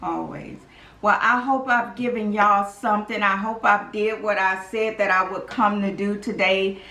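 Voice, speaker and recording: A woman's voice: medium pitch, steady tone, moderate pace, pushed and bright. A woman speaking earnestly and emotionally on a video call, often repeating herself as she gives thanks. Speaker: donor mother and speaker. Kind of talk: heartfelt testimony on a video call. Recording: echoey room.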